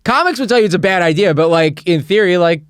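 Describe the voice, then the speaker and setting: A man's voice: high-pitched, animated, quick pace, clean tone, no echo, clean studio sound. Teasing man hosting a podcast. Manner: teasing, interviewer-like, restarts mid-sentence. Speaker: podcast host. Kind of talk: casual podcast chat.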